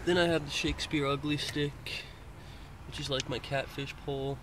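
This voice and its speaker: His voice is fairly high-pitched with fairly even intonation and a normal speed as this young man from Florida shows off his fishing gear casually. Recorded inside a car on a handheld phone aimed down at the gear, the noisy clip catches him rambling with lots of hesitant fillers.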